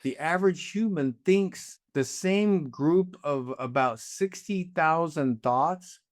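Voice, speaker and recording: A man's voice: on the high side, takes it slowly, no room sound, clean studio sound. A man in his sixties, a guest in a casual conversation, musing reflectively with an easy, sometimes profane manner.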